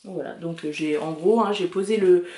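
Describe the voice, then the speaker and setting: A woman's voice: on the low side, a little fast, dark tone. A woman in her thirties hosting a knitting video podcast at home, chatting casually to camera and rambling with many fillers and restarts. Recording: echoey home room.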